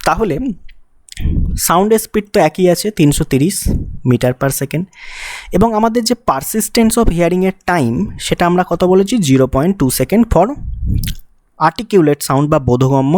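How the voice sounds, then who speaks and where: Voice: mid-range voice, lively intonation, normal speed, long pauses, darkish tone, no echo, clean studio sound. A physics teacher gives an exam-prep lesson. The teacher explains step by step, mixes English technical terms into the talk and asks the student rhetorical questions.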